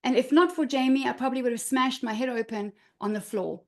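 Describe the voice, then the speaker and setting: A middle-aged woman with a high voice speaks over a video call, coaching a group of women through her own story. She talks earnestly and repeats her key points for emphasis. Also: fast talker, a little mellow. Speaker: confidence coach.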